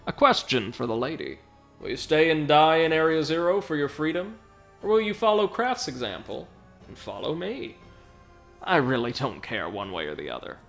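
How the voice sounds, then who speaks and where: A man voicing a gloating, cruel game villain who taunts with slow theatrical menace. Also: on the high side, big pitch swings, vocal fry, fairly bright tone, soft background music, full character voice. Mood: taunting menace.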